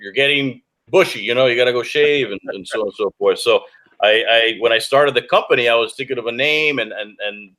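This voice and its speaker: A man born in the United States to Cuban parents, who owns a beard company, talks casually on a group video call, rambling and restarting often. His voice is fairly low in pitch with a fairly bright tone, and the audio quality is poor.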